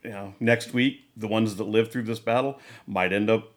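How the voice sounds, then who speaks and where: Man, low voice, casual chat, measured, meandering. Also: steady tone. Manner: measured, many fillers and restarts. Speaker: podcast co-host.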